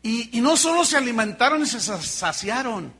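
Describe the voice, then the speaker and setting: A Mexican pastor preaching with a high, bright voice. He tells Bible stories in an animated way and breaks into joking asides to his congregation. The tone stays bright and forceful throughout. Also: normal speed, husky. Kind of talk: sermon.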